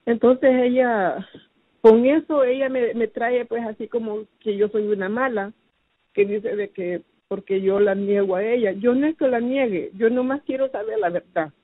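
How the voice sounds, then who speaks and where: A woman giving a personal testimony, recounting her past slowly and hesitantly, with many fillers and restarts. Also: fairly high pitch, steady tone, dry recording. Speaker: testimony giver. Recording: phone-like, dry narrow sound.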